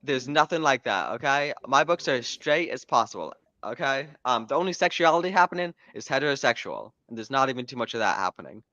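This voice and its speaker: A man's voice: mid-range voice, lively intonation, fast talker, few pauses, pushed and bright, no room sound, highs cut off. A man hosting his own podcast livestream, chatting casually and rambling, joking and cutting himself off mid-thought. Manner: joking, rambling, self-interrupting. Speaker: podcast host and author.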